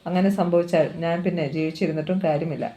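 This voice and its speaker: Anxious young woman in love, pleading, read by the narrator, warm dark tone, audiobook. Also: medium pitch, fairly even intonation, fast, close to an everyday voice. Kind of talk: novel reading.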